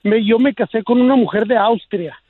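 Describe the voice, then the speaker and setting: A man from the Sonora-Arizona border with a northern Mexican Chicano accent, chatting casually and telling personal stories in slangy, halting phrases. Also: sits high, slightly rough, dry recording. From Naco, on the Sonora-Arizona border. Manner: slangy, halting, repeats himself. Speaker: radio show caller. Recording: muffled, thin, dry phone-like sound.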